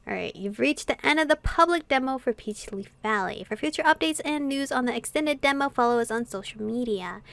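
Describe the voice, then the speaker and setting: With game music in the background, a streamer reads through a visual novel's narration and reacts expressively. Her voice is fairly high, a bit bright and creaky, and she talks briskly and animatedly with hardly any pauses; there's no room sound.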